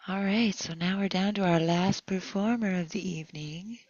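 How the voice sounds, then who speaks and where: Breathy woman hosting an open mic. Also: lowish voice, moderate pace, darkish tone, no echo, lo-fi sound. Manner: friendly, introduces performers. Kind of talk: casual hosting.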